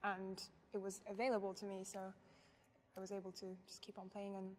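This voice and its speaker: A young woman from Japan answers interview questions in a thoughtful, soft-spoken way. Her voice sits at an ordinary middle pitch, and she often laughs lightly. A faint hiss runs under the recording. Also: monotone, a little fast. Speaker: interviewee, violinist.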